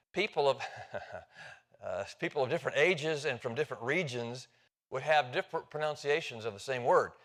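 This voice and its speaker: A man's voice: medium pitch, a bit bright. A man, teaching a sermon in a church in a chatty, folksy way and joking with the congregation. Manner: chatty, self-interrupting, jokes with the congregation. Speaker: preacher. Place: church sanctuary.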